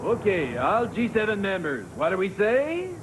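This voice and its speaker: A man playing a brusque, excitable politician in sketch comedy, with exaggerated delivery. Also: high-pitched, moderate pace. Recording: noisy location sound.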